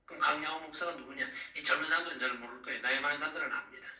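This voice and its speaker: A man's voice: a little high, very fast. A middle-aged male pastor preaching, telling the story of his visions and calling out to the congregation. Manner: animated, calls out to the congregation. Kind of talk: sermon recounting visions. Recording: echoey room, distant mic.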